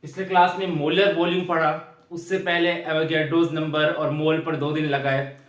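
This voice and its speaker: A man's voice: on the high side, flat delivery, moderate pace, far from the mic. Pakistani man teaching chemistry, echoey room. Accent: Pakistani Urdu. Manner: explains step by step, often adds "theek hai". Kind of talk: classroom lecture.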